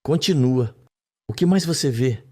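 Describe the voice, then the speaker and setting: A man reading as a calm, soothing doctor. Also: mid-range voice, measured pace. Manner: soft, calm, encouraging. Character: calm male doctor guiding hypnosis. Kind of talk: read-aloud soap recap.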